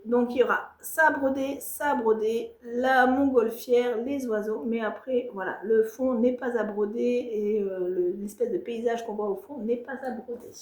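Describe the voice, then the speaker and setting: A chatty woman with a somewhat high voice shows off her stitching in a casual home vlog. She talks to the camera with lots of fillers and self-mocking asides. The room around her has a noticeable echo. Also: a little mellow. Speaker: cross-stitch vlogger. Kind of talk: casual show-and-tell vlog. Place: home, filming herself on a tripod. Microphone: tablet or camera on a tripod.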